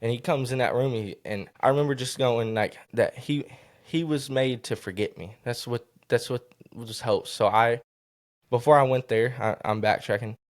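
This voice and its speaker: A young man telling an emotional personal story as a podcast guest, halting and earnest, often restarting his sentences. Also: medium pitch. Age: young adult.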